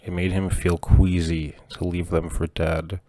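Low, slow male horror narrator, steady and dry, soft music bed. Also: no room sound. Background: faint music.

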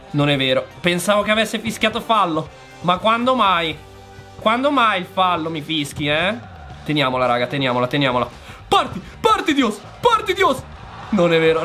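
Excitable gamer yelling at the referee. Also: male voice, high voice. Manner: shouting, exasperated outbursts at the referee. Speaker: gaming youtuber. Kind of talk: excited live game commentary.

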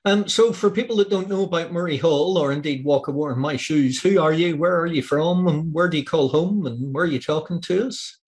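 Speaking fairly quickly with few pauses and a fairly high pitch, an Australian man hosts a friendly, casual author interview. He's in a home office on a video call using a webcam, and his questions come out as long run-on sentences.

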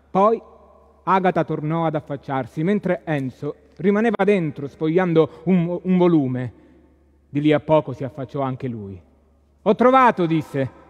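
Casting: male reader, high voice, measured storytelling, long hall reverb. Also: a little mellow. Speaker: stage reader. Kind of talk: staged literary reading. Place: library hall.

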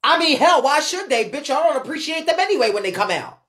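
She talks fast in a high, sing-song, fairly bright voice. As a livestream host and ballroom scene commentator, she goes on an unscripted rant, swearing freely in heavy slang. She's blunt and emphatic, repeating phrases to hammer her points.

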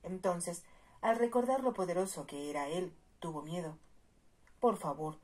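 A woman reads a romance novel aloud in a soft-spoken audiobook style. Her voice is low and husky, and her storytelling stays measured and even. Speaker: narrator.

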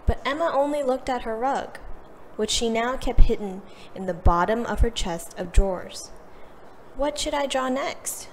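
A woman with a higher voice reads a children's picture book aloud at a moderate pace, animatedly acting out the characters' quoted lines. The recording has a long reverb tail and clearly noisy background.

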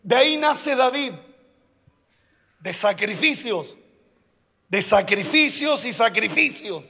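A male pastor preaching a sermon, asking the congregation questions and shouting out the key words. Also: very high-pitched, expressive, slow, husky, long reverb tail.

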